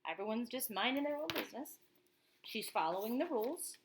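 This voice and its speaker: A woman with a slightly high voice, lively intonation and some vocal fry reads a picture book expressively to children, pausing to explain things simply for them.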